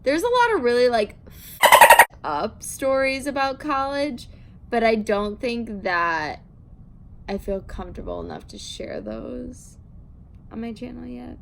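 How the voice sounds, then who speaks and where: A woman's voice: fairly high pitch, wildly swooping pitch, measured pace, vocal fry, fairly bright tone, a little hiss or hum. A woman in her twenties telling a casual, chatty story, rambling and self-deprecating with a giggly manner. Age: 20s. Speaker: video creator telling a story. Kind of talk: casual chatty storytime while doing makeup.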